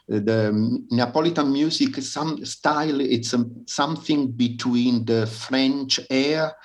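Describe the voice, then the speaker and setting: A man from southern Italy with an Italian accent, answering interview questions haltingly and searching for his words in English. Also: mid-range voice. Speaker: interviewee, harpsichordist. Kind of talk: interview answers on music history.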